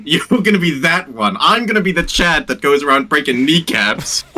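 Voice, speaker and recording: Male, high and forceful voice, wild sweary rant in casual group banter. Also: expressive, moderate pace, a little hiss or hum. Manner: wild ranting, heavy swearing. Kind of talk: heated casual banter among friends.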